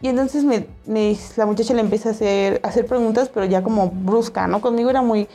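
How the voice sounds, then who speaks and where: Animated woman telling a story, Mexican accent. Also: fairly high pitch, fast talker, soft background music. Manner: animated, acts out quoted voices, laughs often. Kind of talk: casual storytelling.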